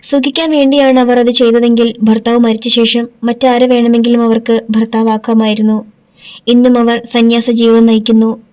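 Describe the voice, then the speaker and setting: A woman voicing a young daughter who speaks quietly but firmly, accusing and defiant. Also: on the high side, flat delivery, normal speed, lightly acted.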